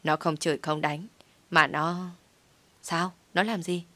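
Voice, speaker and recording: A woman voicing a worried, loyal young man who chatters fast and frets about his friend. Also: lowish voice, fairly even intonation, bright, forceful tone, dry recording.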